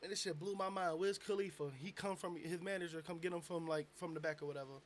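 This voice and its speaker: A young man, a bit drunk, telling a long animated story in a casual interview, full of slang and swearing. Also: fairly high pitch, fast talker, slight background noise. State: tipsy. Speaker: guest, aspiring rapper.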